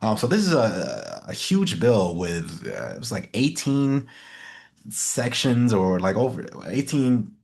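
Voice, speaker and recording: A laid-back man co-hosting a podcast with a notably low voice. He chuckles often and talks in loose, hesitant phrases full of fillers as he works through a topic. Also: very animated, slow pace, gravelly, darkish tone. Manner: easygoing, chuckling, hesitant filler-heavy delivery. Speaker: co-host. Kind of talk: casual chat.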